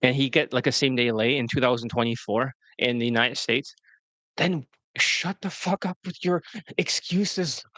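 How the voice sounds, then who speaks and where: Brash and profane, this dating coach host delivers blunt promotional talk, mocking his students by quoting them in high-pitched whines. He speaks at a normal speed with a sharp tone, and there is no echo.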